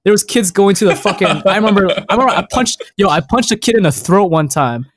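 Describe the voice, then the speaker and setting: A man co-hosting a podcast, telling childhood stories in a loud, excitable way and swearing constantly. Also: sits high, quick pace. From North America. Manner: excitable storytelling, heavy swearing. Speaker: podcast co-host. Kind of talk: casual podcast chat.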